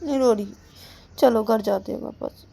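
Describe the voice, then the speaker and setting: A woman voicing Payal, a tearful, clingy young woman who protests in a high, whiny voice in a storybook tale. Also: normal speed, gravelly, warm tone, slightly rough.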